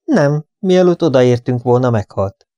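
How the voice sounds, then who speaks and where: A man reading an audiobook, voicing a sharp, quick-tempered young woman. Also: mid-range voice, expressive, dry recording, close to an everyday voice.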